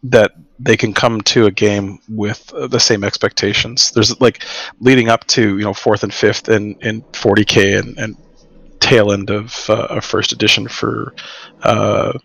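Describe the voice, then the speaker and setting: A man explaining his view casually as a podcast guest, earnest and filling pauses with "um" and "uh". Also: on the low side, flat delivery, creaky, a bit bright, slightly rough, no echo. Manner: earnest, explanatory, with frequent fillers. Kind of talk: casual chat.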